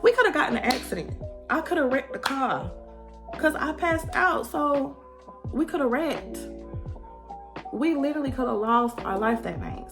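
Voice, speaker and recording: A young woman tells a story from her own life in a chatty, animated way, turning again and again to her viewers. Her voice sits fairly high. Music plays clearly underneath her. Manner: animated, addresses viewers as y'all. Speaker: vlogger. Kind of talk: casual storytime.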